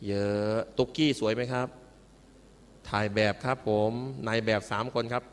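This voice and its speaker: A man's voice: mid-range voice, slight background noise. A man giving a humorous, playful sermon to students as a monk preacher, joking and calling his listeners children. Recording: reverberant hall with faint music.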